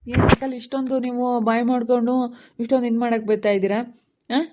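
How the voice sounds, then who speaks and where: A woman's voice: a little high, steady tone, quick pace, darkish tone, natural voice. A woman playing a defiant young man in love who argues back insistently, in an amateur family skit.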